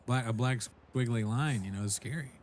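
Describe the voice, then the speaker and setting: A man's voice: medium pitch, brisk. A man co-hosts a podcast, riffing in rambling, profane sentences packed with "like". Faint background noise sits under his voice. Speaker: podcast co-host. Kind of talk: casual chat.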